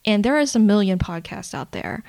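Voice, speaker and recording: A woman's voice: mid-range voice, expressive, vocal fry, a little mellow. A woman hosting her own podcast, talking candidly and outspokenly in a solo intro monologue, swearing freely and dropping in "you know" and "like" as she goes. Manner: mixes fillers like "you know" and "like" into fast talk. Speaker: podcast host.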